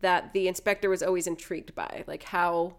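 A woman's voice: fairly low pitch, little pitch movement, fairly quick, clear, resonant tone. A woman in casual chat, animatedly retelling a film plot, acting out the characters' lines and swearing now and then. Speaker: podcast host retelling a film.

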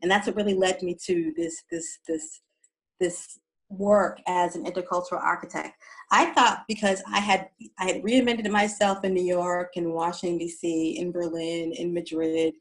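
A woman's voice: on the low side, fairly even intonation, moderate pace, low-quality recording. A woman from the East Coast, telling her story as an interview guest, reflective and often repeating words as she searches for them.

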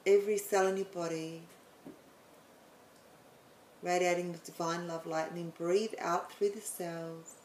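A woman explaining the planets in a chatty way, then leading a guided meditation with slow, soothing instructions and some stumbles. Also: fairly low pitch, fairly even intonation, darkish tone, reverberant, a little hiss or hum, poor audio. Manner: chatty, apologetic, stumbles over words.

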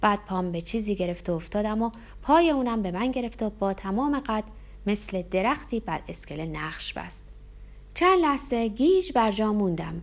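Female audiobook narrator, tense dramatic first-person story reading. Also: mid-range voice.

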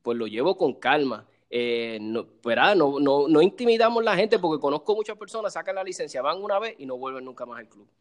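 Animated man chatting. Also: fairly high pitch, brisk, few pauses. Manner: animated storyteller, acts out quoted voices. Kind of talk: casual chat.

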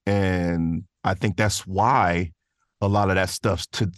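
A man's voice: deep voice, fairly even intonation, slow pace, no room sound, clean studio sound. A man chatting casually as a podcast guest, informal and slangy, rambling through his answers. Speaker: podcast guest, voice actor and artist. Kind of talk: casual interview chat.

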